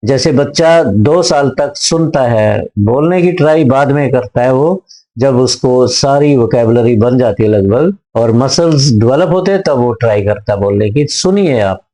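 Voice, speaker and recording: Male teacher, mellow tone, reads each tip slowly, then explains and repeats it. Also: mid-range voice, animated, low-quality recording. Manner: repeats points in several words. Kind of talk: lecture on speaking skills.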